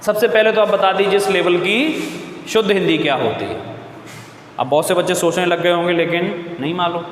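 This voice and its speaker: A man's voice: high voice, normal speed, reverberant, in a large hall, slight background noise. A male teacher giving a classroom-style lesson. He patiently repeats key terms, stretches words out for his pupils and fondly calls his viewers children. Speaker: English grammar teacher.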